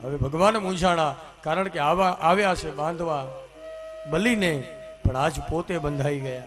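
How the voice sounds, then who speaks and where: A man preaching a religious story discourse, in an animated manner that rises to loud exclamations. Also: fairly high pitch, unhurried, soft background music. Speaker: katha preacher. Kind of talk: sermon storytelling.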